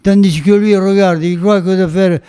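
Brief: man doing a blunt old Béarnais peasant dad, gruff, mellow tone, raised pitch. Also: steady tone, normal speed, close to an everyday voice. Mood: grumbling. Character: old rural man, blunt, practical, dismissive.

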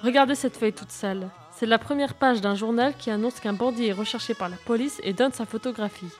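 A woman's voice: on the high side, fairly quick, faint music behind, close to an everyday voice. A woman voicing a clever, bold young girl who gives orders with confidence. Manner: bright, commanding, triumphant.

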